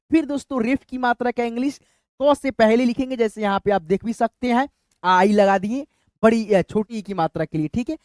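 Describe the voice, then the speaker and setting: A man's voice: high voice, a little mellow, no echo. Man teaching a spelling lesson. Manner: repeats "friends" often, drawn-out explanatory tone. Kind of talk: explanatory lesson.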